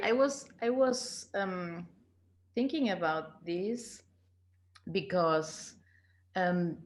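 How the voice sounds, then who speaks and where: An Argentine leadership coach in her fifties answers interview questions over a video call, talking slowly, searching for words and repeating them. Her voice sits on the low side with a fairly bright tone.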